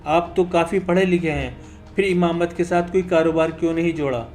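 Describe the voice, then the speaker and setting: Narrator as a helpful doctor: friendly, advising, a bit high. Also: male voice, fairly even intonation, fairly quick, darkish tone, faint music behind, lightly acted. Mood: friendly advice. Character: kind, helpful male traveling doctor.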